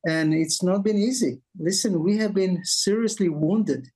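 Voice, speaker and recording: A middle-aged man from Israel with an Israeli accent, a pastor speaking as an interview guest over a video call, earnest and halting with frequent fillers. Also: high voice, a little mellow, poor audio. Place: home office, indoors. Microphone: video call webcam.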